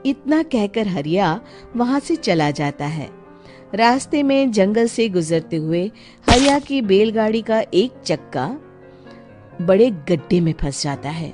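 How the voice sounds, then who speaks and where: Woman storyteller: mid-pitched, expressive narration over soft music. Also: a little slow.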